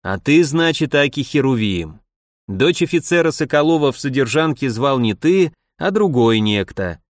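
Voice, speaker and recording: A man's voice: medium pitch, sing-song, moderate pace, no echo, studio quality, natural voice. A man voicing a stern, imperious police chief who scolds and commands, in an audiobook reading. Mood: interrogating.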